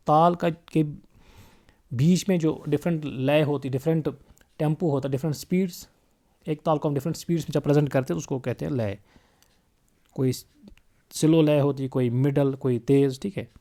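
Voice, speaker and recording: A man teaching a music lesson, explaining calmly and reciting rhythm syllables in a steady beat. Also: on the high side. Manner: reads English definitions slowly and carefully. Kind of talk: spoken music lesson mixing Hindi and English.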